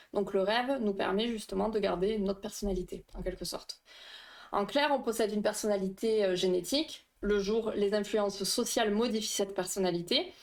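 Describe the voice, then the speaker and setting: A woman hosting a casual livestream, explaining dream science with a quiz, chatty and laughing often while reading chat aloud. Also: a little high. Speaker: livestream host.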